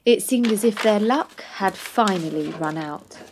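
Her delivery lightly acted and a touch slow, a young woman at medium pitch reads scripted storybook narration as the wry, knowing narrator of a comic fairytale. Music plays beneath the voice-over, with a little hiss or hum.

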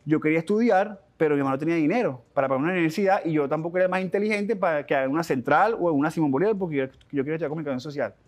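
A young adult man with a Venezuelan accent, a guest telling his life story in an interview, animated and full of restarts and slang. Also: on the high side. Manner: animated, fast-talking, with frequent restarts and slang.

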